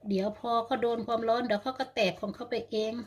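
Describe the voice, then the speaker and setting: A woman's voice: on the high side, steady tone, fast, noisy background. An older woman, narrating a home cooking vlog and chatting to viewers like friends. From Thailand. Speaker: vlogger. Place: home kitchen.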